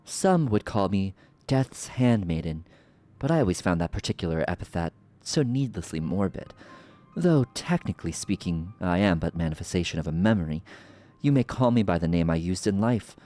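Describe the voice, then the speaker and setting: A man voicing a haughty, mocking ancient sorceress from a game, speaking in slow theatrical villain menace. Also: sits low, big pitch swings, warm tone, faint music behind. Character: haughty sardonic ancient sorceress villain, memory manifested, woman. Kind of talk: reading game dialogue aloud in character.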